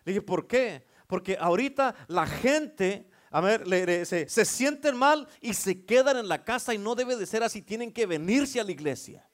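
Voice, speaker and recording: A man preaching a sermon, building from calm Bible reading to fervent, shouted exhortation. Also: high voice, normal speed. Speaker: pastor.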